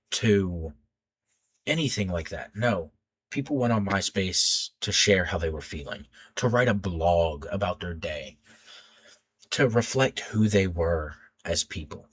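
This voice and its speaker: A late-teens young man with a low, deep voice, talking straight to his channel in a loose, unscripted vlog. He rambles, backtracks and stutters on his words as he restarts his sentences. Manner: stutters when nervous, rambling with many restarts. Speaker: YouTube creator. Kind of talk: unscripted casual vlog talk.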